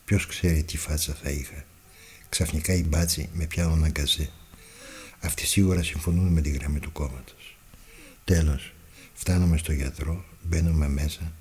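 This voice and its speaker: A man reads a first-person memoir in an earnest, measured way. His voice is very low and dark, with a husky, rough edge. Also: fairly even intonation. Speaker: narrator.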